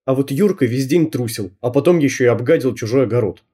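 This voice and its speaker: A man narrating an audiobook in a lively storytelling manner. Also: medium pitch, fast, breathy edge. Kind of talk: scripted narration.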